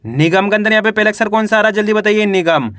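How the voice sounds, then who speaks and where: A man's voice: high voice, fast talker, a bit bright, dry recording, studio quality. A young man teaching a Hindi reading lesson, spelling out words syllable by syllable and quizzing the viewers.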